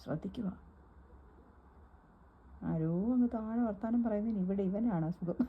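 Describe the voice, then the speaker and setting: A woman's voice: mid-range voice, normal speed, husky, narrow, tinny audio. A woman filming her pet dog, chatting casually to it and to viewers in a sing-song baby-talk way.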